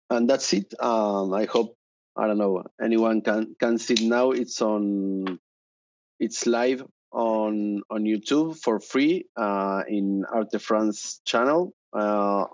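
Man, 30s, Argentine Spanish accent, panel speaker, hesitant, fillers, low voice, dull video call audio. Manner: hesitant, many fillers and restarts. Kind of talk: conference panel talk. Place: home room, indoors. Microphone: headset on video call.

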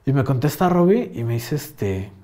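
A man's voice: mid-range voice, big pitch swings, normal speed, dark tone. A young man with a Mexican accent telling a rambling, slang-filled story in casual chat, full of fillers. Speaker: podcast host.

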